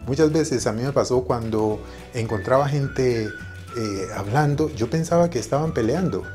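A man's voice: mid-range voice, normal speed, a little mellow, soft background music. A man teaching in a casual video lesson, patient and repetitive, with frequent fillers. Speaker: language teacher.

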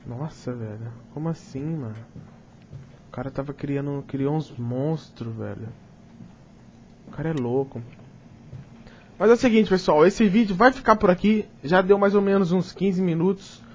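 A man's voice: on the high side, normal speed, pauses often, darkish tone, muffled recording, a little hiss or hum. A young man with a Brazilian Portuguese accent doing let's play commentary of a horror game, jumpy and swearing, talking to himself. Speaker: gaming youtuber.

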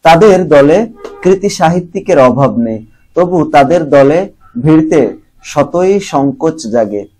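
A man's voice: on the high side, animated, takes it slowly, darkish tone, poor audio. A young man teaching a grammar lesson from a school textbook, listing examples and asking himself questions before he answers them.

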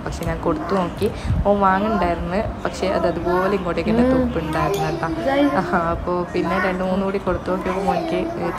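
A woman's voice: fairly low pitch, very noisy. A young woman casually narrating her day as a mother of two small boys, chatty and full of hesitation sounds. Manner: chatty, tags sentences with "you know", frequent hesitation sounds.

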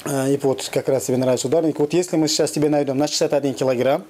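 A man from Kyrgyzstan, co-hosting a casual interview with a rapid, repetitive, broken way of phrasing things. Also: medium pitch, steady tone, dark tone. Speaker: co-host judging fighters.

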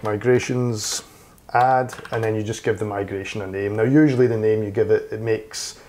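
Low, mellow man explaining code while typing. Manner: talks while typing, thinking aloud with fillers and self-corrections. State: slightly hoarse, losing his voice. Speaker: programming tutor. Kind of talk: screen-recorded coding tutorial. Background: keyboard typing and clicks.

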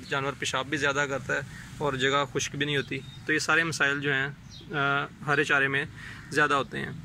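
This casual vlog features a goat farmer on a rooftop, his voice a bit high, pushed and bright, explaining with plenty of fillers how he makes hay for his goats, one step at a time. He films himself on a handheld phone outdoors, where background noise comes through clearly.

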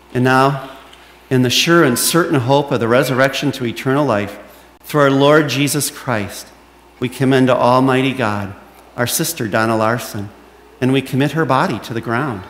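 A male minister reciting a burial liturgy in a slow, solemn, measured way. His mid-pitched voice carries a strong room echo and a long reverb tail. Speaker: minister leading a burial service. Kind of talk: reading a funeral committal liturgy.

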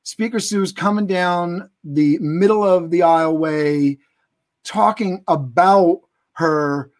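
A man in his thirties hosts a live interview show on a video call. His voice is a bit higher than most men's, and he talks as the presenter. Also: slow pace. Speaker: host of a business show.

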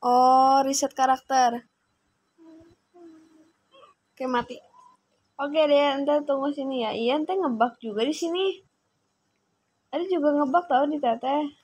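High-voiced chatty gamer woman. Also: takes it slowly, long pauses, darkish tone, low-quality recording. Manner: chatty and bossy, fussing at a younger sibling. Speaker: gaming streamer. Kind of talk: casual gameplay commentary.

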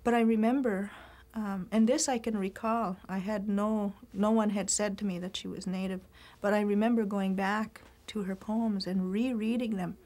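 A middle-aged woman giving reflective interview answers, speaking thoughtfully with pauses and restarts, recorded in a library room. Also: mid-range voice, fairly even intonation, darkish tone. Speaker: writer and teacher interviewed.

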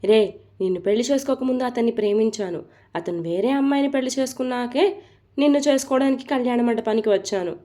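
A woman voicing a hurt, sharp-tongued young wife who speaks reproachfully in an audio story. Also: a little high, quick pace, natural voice. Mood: angry.

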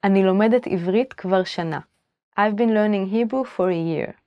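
A young woman in her twenties teaching a language lesson to camera, carefully repeating each phrase before explaining it. Her voice sits mid-pitched and is recorded close and dry in a studio. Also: very fast, clear, resonant tone, no echo, highs cut off. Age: 20s. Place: indoor studio, plain backdrop.

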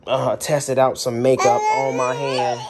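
A man's voice: mid-range voice, level tone, a little slow, very noisy. A young man chatting casually to camera in a family vlog, slangy, laid-back and teasing. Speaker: family vlogger.

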